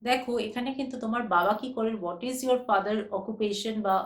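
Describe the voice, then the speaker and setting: A woman with a Bengali accent teaching English, who says each question slowly and with emphasis after giving it in Bengali. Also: a little high, roomy sound. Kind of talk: bilingual language lesson.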